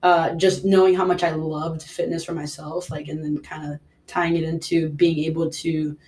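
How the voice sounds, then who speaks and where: At a moderate pace and in a level, darkish tone, a young Mexican man with a voice on the high side chats as a guest on a casual podcast interview. A personal trainer by trade, he rambles and keeps linking ideas with "like" and other fillers.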